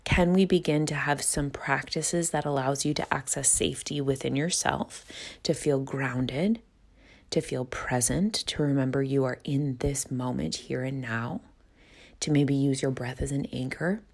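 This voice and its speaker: A woman's voice: extremely low pitch, steady tone, measured pace, gravelly. A woman hosting a solo self-help podcast, speaking earnestly and reflectively, often rephrasing and repeating herself for emphasis. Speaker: podcast host and coach.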